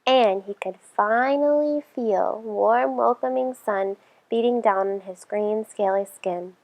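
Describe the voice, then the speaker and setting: A woman reads a children's story aloud in an expressive storytelling style. Her voice is mid-range and she takes it slowly.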